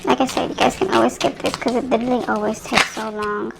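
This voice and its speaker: Young woman, tarot reader, chatty rambling delivery, slightly high voice, gravelly fry, phone mic. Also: steady tone, quick pace, heavy background noise. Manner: chatty and rambling, addressing viewers directly. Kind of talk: casual tarot reading to viewers. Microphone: phone microphone.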